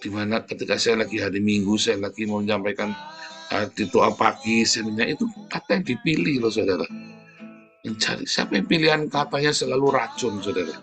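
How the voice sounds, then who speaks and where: A man's voice: on the low side, a little fast, fairly bright tone. A man giving a conversational morning devotional sermon, often turning to his listeners. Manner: conversational, often adds "saudara". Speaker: preacher. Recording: guitar music behind.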